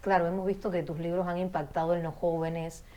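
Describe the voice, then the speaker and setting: A woman's voice: lowish voice, little pitch movement, fairly quick, dark tone. A woman with a Panamanian Spanish accent, hosting a casual interview and asking questions with some hesitation. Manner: attentive, asks questions with hesitations. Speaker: interviewer host.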